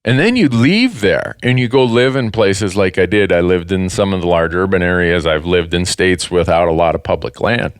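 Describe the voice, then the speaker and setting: A man's voice: low voice, moderate pace, few pauses, clear, resonant tone, no room sound, studio quality. A man in his fifties with a Minnesota accent, hosting a podcast and telling stories in an earnest way, often restarting his sentences. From northern Minnesota. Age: 50s. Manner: earnest, storytelling, with frequent restarts. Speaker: podcast host. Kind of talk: casual conversation.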